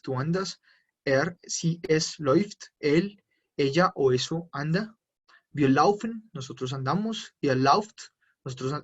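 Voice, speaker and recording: Husky-voiced man teaching German. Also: fairly high pitch, muffled recording. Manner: explains step by step, switching between Spanish and German drills. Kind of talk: online class explanation.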